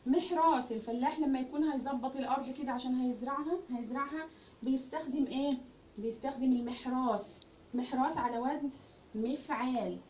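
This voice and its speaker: A woman's voice: high voice, a little mellow. Egyptian woman teaching grammar, roomy and distant. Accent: Egyptian Arabic. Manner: explains with questions she answers herself. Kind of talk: classroom grammar lesson. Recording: roomy, distant, muffled recording with faint hiss.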